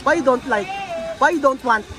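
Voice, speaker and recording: A woman vlogging outdoors, chatting with children in a lively, coaxing way and switching between languages. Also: high voice, moderate pace. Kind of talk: casual vlog chat with children. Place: busy street outdoors. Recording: crowd and music noise outdoors. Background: street crowd and music.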